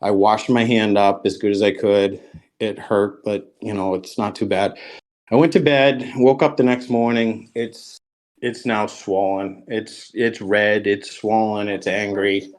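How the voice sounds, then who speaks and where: A man's voice: fairly low pitch, level tone, measured pace. Man telling a long rambling story. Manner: rambling, with many ums and restarts. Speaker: podcast guest. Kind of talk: casual storytelling.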